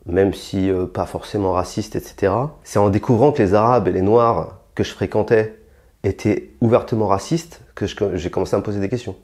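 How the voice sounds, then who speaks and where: A young rapper from France answers interview questions bluntly and provocatively, with many restarts and fillers. His voice is darkish and a little fast, and it rises in pitch and force when he gets heated.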